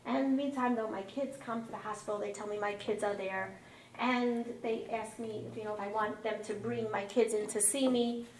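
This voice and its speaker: A woman in her thirties telling a personal story about a family car accident, lively and acting out the dialogue in a raised, excited voice. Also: mid-range voice, moderate pace, a little hiss or hum. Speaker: mother recounting a car accident. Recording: roomy, distant mic with faint ambience.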